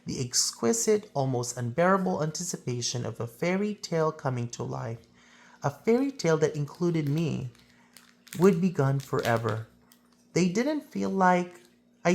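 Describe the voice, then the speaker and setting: Reading a children's picture book aloud, a woman takes on the storyteller's role with theatrical phrasing and long, stretched-out emphasis. Her voice is low and slightly mellow.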